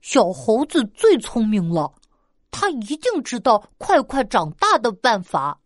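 A woman's voice: on the high side, wildly swooping pitch, measured pace, no echo, clean studio sound, full character voice. A woman voicing an eager little male bear cub in a children's storybook, childlike and whiny as he wishes to grow up. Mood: wishful.

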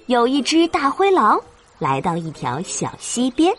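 A woman narrating a children's story as a mother, gentle, playful and expressive. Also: a little high, a little slow. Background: children's music.

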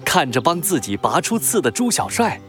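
A narrator reading a scripted children's story in a dramatic, expressive way. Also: mid-range voice, moderate pace, soft background music.

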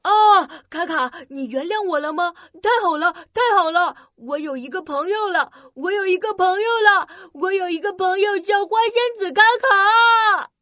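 Woman voicing a timid, gentle robot girl, high voice. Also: measured pace, no echo, clean studio sound, lightly acted. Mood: overjoyed. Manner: hesitant, stammering, apologetic. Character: timid, gentle, lonely female robot, apologetic. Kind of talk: children's storybook character voice.

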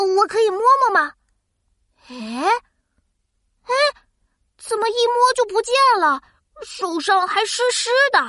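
A woman's voice: very high-pitched, fairly bright tone, no echo, studio quality, exaggerated voice. A woman voicing a curious, cheerful, easily amazed child host in a children's science cartoon, with a childlike, exclaiming manner. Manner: childlike, exclaiming, wide-eyed.

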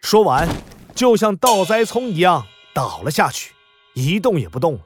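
A man narrating a children's story in an expressive, explanatory way. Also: high voice, moderate pace, music in the background.

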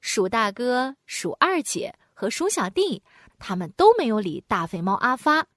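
A woman narrating a children's storybook in an animated, sing-song way, with playful sound words. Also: fairly high pitch, a little slow, dry recording, clean studio sound.

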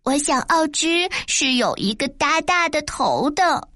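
A woman's voice: high voice, expressive, a little slow, bright, forceful tone, no echo, clean studio sound, exaggerated voice. A woman reading as a determined young girl. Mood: insistent. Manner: firm and insistent. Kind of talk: storybook reading.

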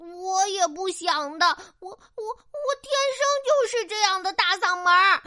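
A woman voicing a loud, eager little crow in a children's bedtime story, in a high childlike voice. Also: unhurried, full character voice. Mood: sad.

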